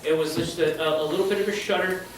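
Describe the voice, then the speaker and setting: Man presenter, high voice, chatty storytelling, keeps checking in with the crowd, echoey room from a distance. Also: fairly even intonation, fast talker, vocal fry, slight background noise. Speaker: history presenter. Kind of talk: live storytelling presentation to an audience.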